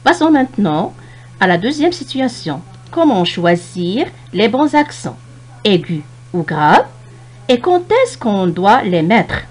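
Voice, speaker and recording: Slow, lively woman teaching spelling. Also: medium pitch. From Morocco. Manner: slow, deliberate explanation, stressing and stretching example words. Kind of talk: French spelling lesson.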